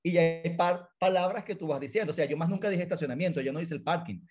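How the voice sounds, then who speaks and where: A man's voice: on the high side, fast talker. A young man from Venezuela with a Venezuelan accent, chatting casually and acting out the quoted lines in his stories. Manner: animated storyteller, acts out quoted lines. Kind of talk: casual chat.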